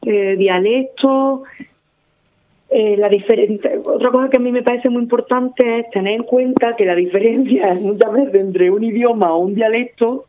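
A woman's voice: fairly high pitch, normal speed, a little hiss or hum. A woman with an Andalusian accent arguing her point in casual radio talk, laying it out through repeated examples. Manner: argumentative, explains with repeated examples. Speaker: guest running a language-teaching project. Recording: narrow phone-like sound.

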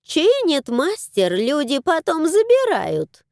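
A woman voicing a raspy, sardonic female crow who talks in a mocking, gossipy way. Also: high-pitched, wildly swooping pitch, slow pace, a little mellow, no room sound, clean studio sound, pitched above the performer's own voice, heavily acted. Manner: mocking, cackling.

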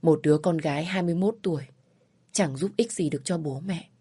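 A woman reading a first-person story aloud in a slow, sorrowful way. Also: sits low, mellow, husky, dry recording. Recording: dry close voice over faint music.

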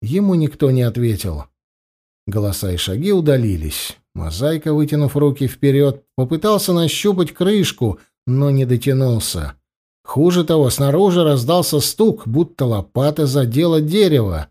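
A man narrating a fantasy audiobook in an expressive storytelling manner. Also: medium pitch, normal speed. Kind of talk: scripted narration.

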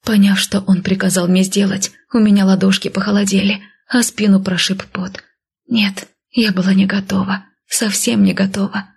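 A woman narrating a story in a soft, breathy whisper, as whispered role-play. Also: medium pitch, flat delivery, moderate pace.

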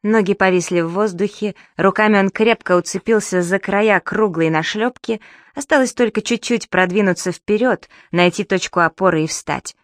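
A woman reading a children's story aloud in an even, storytelling way. Her voice is mid-pitched, and the recording is very dry and close. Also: normal speed, no room sound. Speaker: audiobook reader. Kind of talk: audiobook narration.

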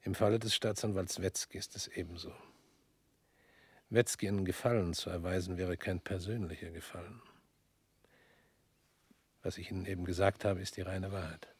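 A man with a deep, steady, slightly rough voice acts in a radio play as a tired, guilt-ridden ex-party official. His delivery is measured and brooding, often sinking into a whisper, and the recording has no room sound.

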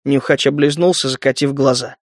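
A man narrating an audiobook in a lively, steady storytelling manner. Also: medium pitch, brisk, dry recording, clean studio sound. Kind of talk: scripted narration.

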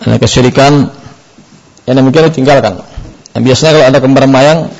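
A man teaching an Islamic question-and-answer lecture, unhurried, with frequent "nah" fillers and a gravelly voice. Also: medium pitch, darkish tone. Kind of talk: religious Q&A lecture. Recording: dull lo-fi lecture recording.

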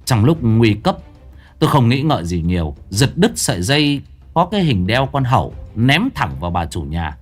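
A man reading a ghost story in the first person, his pitch swinging lively and dramatic through the telling. Soft music plays faintly beneath his voice. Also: normal speed.

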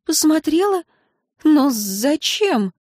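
A woman reading an audiobook and voicing a flustered, caring young empress who speaks high and eager. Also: normal speed, a little mellow, dry recording, studio quality, lightly acted. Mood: puzzled.

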